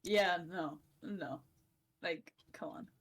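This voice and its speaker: A woman's voice: lowish voice, takes it slowly, breathy edge, rough recording. A young woman from outside Britain co-hosting a podcast, talking hesitantly and laughing often. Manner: hesitant, self-deprecating, laughs a lot. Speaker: podcast co-host. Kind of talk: casual chat.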